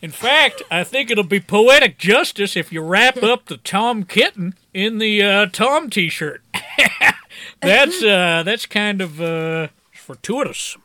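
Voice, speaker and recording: Bright-voiced joking man. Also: high-pitched, lively intonation, slow pace, dry recording. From Greater Boston area. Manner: joking, wry, swears for laughs. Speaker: podcast co-host. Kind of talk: casual chat.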